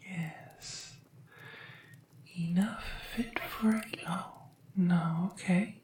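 Woman doing a formal servant girl from another world, whispering, real slow, roomy echo, a bit off mic. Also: fairly low pitch, mellow, far from the mic, a little hiss or hum. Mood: devoted whisper. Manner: whispering, hesitant, formal and deferential. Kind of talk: whispered ASMR roleplay.

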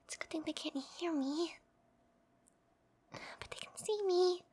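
High-voiced young woman whispering close. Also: steady tone, unhurried. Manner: hushed breathy whisper, flustered. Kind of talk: whispered audio roleplay.

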